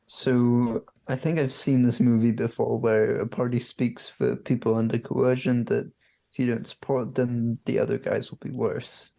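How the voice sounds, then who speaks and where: A man's voice: medium pitch, level tone, moderate pace, vocal fry, dark tone. A man co-hosting a podcast, making dry sarcastic remarks in casual chat. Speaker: podcast co-host.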